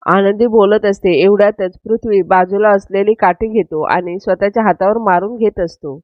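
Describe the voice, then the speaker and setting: A woman retelling a TV serial episode in steady storytelling narration, in a dull, dry, lo-fi recording. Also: medium pitch, moderate pace, dry recording.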